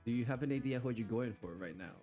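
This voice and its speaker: A man's voice: mid-range voice, fast talker, over music. A man co-streaming a game who chats casually and shares trivia about the voice cast. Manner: casual, chatty, explains trivia. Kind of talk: casual gaming chat.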